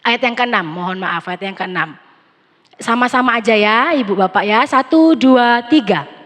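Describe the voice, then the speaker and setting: A young woman pastor, preaching a sermon with a conversational personal testimony and animated quoted dialogue. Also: mid-range voice, moderate pace. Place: large church hall. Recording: long church-hall reverb.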